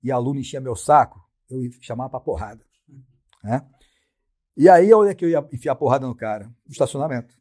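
A middle-aged sports science professor with a Brazilian Portuguese accent tells stories as a podcast guest, speaking bluntly with plenty of slang and acting out his own quoted lines. His mid-range voice has a dark tone, a lively intonation and a fairly quick pace in this casual storytelling.

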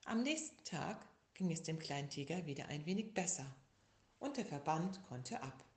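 A woman reading a children's story aloud in a slow, lively, expressive way. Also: sits low. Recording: echoey room.

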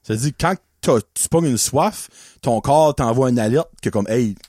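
A man's voice: mid-range voice, measured pace, a little mellow, no room sound. A man with a Quebec French accent co-hosting a podcast in a loose, joking, slangy chat. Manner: loose, joking, slangy, with English words mixed in. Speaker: podcast co-host.

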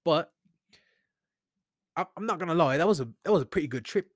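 Speaking fairly quickly with lively intonation, a man with a slightly high voice hosts his own podcast from his room. He rambles and thinks aloud into a studio mic, headphones on. It's a clean studio recording without any room sound.

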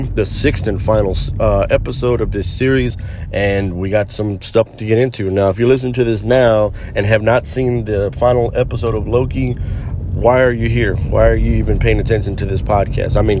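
A man hosting a solo podcast, giving a casual, rambling conversational review with a showman's touch. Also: fairly low pitch. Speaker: podcast host. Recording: loud outdoor traffic-like background noise.

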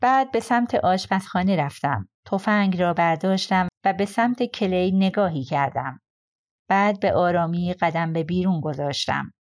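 A woman reading a crime novel aloud as an audiobook, with measured, steady storytelling. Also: lowish voice. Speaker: audiobook narrator. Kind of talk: scripted narration.

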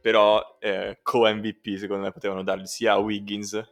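A man with a lot of vocal fry chats casually about sports. He makes short, emphatic, colloquial points as a panelist, with faint music underneath. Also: fairly low pitch, completely flat delivery, a little fast, a bit bright. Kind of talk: casual basketball chat.

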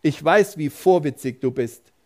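A man's voice: a little high, a little slow, darkish tone, natural voice. Brief: man as a scolding, irritated older brother soldier. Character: angry elder brother soldier.

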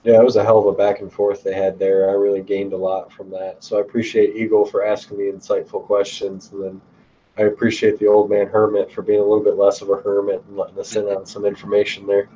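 A man's voice: fairly low pitch, completely flat delivery, fast talker, warm tone. A man casually hosting a livestream panel, wrapping up and addressing the group. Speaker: livestream host. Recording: dull livestream audio, distant from mic.

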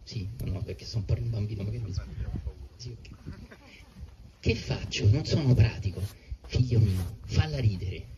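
A man's voice: lowish voice, a little fast, pauses often. A man, a spiritual teacher at a retreat, telling a joke in a playful, storytelling manner. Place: retreat hall. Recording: muffled with steady background noise.

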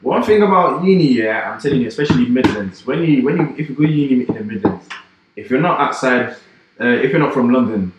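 A man's voice: medium pitch, expressive, fairly quick, a little hiss or hum. A young man co-hosting a podcast, chatting casually with jokey, rambling banter. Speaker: podcast co-host. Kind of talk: casual chat. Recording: echoey room.

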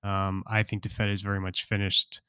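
A man hosting a morning financial briefing, delivering market news in short, rapid updates with an informal, off-the-cuff feel. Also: fairly low pitch, monotone, sharp tone, clear, resonant tone, no echo, clean studio sound. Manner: informal, off-the-cuff with hedging asides. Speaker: podcast host, market commentator.

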